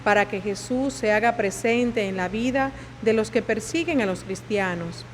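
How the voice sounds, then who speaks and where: A woman reading the intercessions at Mass in a measured, formal way, each ending on a set refrain, in a big church with long echo. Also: mid-range voice, slight background noise. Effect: long church reverb. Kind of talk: liturgical prayer reading at Mass. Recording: long echoing reverb in a large church.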